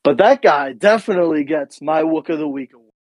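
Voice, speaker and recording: A man's voice: on the high side, fairly quick, dry recording, poor audio. A man co-hosting a podcast, telling a rambling, profane story in casual chat. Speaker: podcast co-host.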